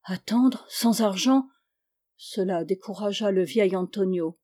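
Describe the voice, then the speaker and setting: A woman narrating a literary story as an audiobook, with expressive, dramatic delivery. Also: medium pitch, measured pace. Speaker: audiobook reader.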